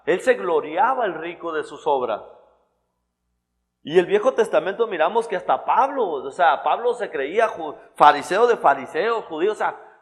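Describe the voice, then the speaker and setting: A man preaching a sermon in a church hall, in a conversational style full of restarts and repeated words. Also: fairly high pitch.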